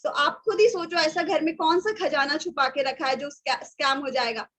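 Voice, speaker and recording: High-pitched lady hyping up a webinar crowd, hinglish, talks right at them. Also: normal speed, rough recording. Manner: energetic, mixes Hindi and English, addresses the audience directly. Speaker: webinar guest speaker. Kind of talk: motivational talk.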